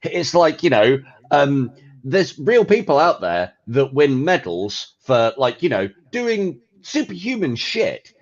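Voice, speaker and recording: A man co-hosting a podcast, chatting casually and profanely about games with an animated, ranting manner. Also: mid-range voice, unhurried, muffled recording. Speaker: podcast co-host. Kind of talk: casual gaming chat.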